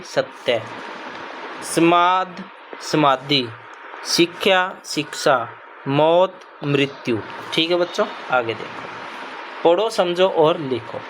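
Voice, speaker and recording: A man's voice: a little high, fairly bright tone, a little hiss or hum. A man teaching a primary school language lesson to children, patient and repetitive, checking in with the class often. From Punjab. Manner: patient, repeats "ठीक है बच्चों" often.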